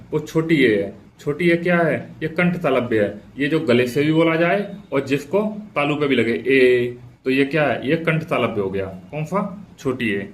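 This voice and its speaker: A male teacher giving an exam prep lecture, asking questions aloud and answering them himself, repeating each key point. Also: a little high.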